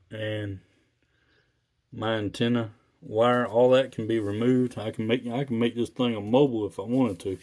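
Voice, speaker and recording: A man talking casually and haltingly as a radio hobbyist, in a laid-back, folksy, rambling way. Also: lowish voice, darkish tone. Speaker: radio hobbyist video maker.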